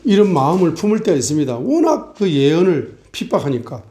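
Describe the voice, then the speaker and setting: Middle-aged male pastor, slightly high and warm voice, preaching with rhetorical questions. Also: very animated, brisk. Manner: asks the congregation rhetorical questions; acts out mocking and complaining voices. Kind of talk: sermon.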